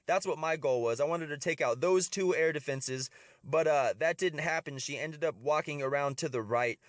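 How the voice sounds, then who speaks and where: A man's voice: fairly high pitch, moderate pace, dry recording, clean studio sound. A man with a slightly stuffy nose from a cold, giving casual gameplay commentary as host of a strategy video and often repeating his words.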